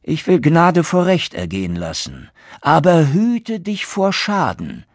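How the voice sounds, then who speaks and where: A man's voice: on the high side, wildly swooping pitch, a little slow, dry recording, clean studio sound, pitched above the performer's own voice, full character voice. A man voicing a proud, stern young craftsman in a fairy tale, declaiming boldly. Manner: bold, boastful declaiming.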